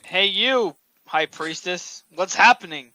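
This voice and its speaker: High, bright-voiced man joking at the table. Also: slow, dry recording, low-quality recording. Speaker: tabletop game player. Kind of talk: casual, joking table talk.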